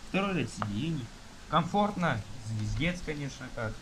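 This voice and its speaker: A young man with a bright, forceful tone talks casually while filming a magazine from above on his phone. He lists items haltingly with fillers, in a plain indoor room. Faint rain patters in the background. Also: medium pitch, sing-song, a little hiss or hum, rough recording. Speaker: magazine reviewer. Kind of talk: casual page-flipping review. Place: indoors at a table, rain outside. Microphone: phone camera filming from above.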